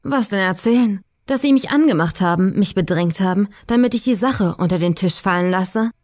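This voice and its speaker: A woman's voice: mid-range voice, a little fast, a little mellow, lightly acted. A woman voicing a sweaty, heavyset male college lecturer who snarls threats. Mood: mocking.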